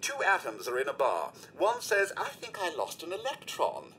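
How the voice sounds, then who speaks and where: A man's voice: fairly high pitch, wildly swooping pitch, normal speed, sharp tone, slight background noise, heavily acted. A man voicing a polite male robot butler in a video game, who speaks formally and courteously and calls the listener sir.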